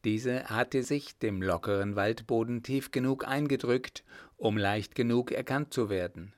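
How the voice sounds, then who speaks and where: A man narrating a story in an even, measured storytelling manner. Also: mid-range voice. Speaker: audiobook narrator. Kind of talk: scripted narration.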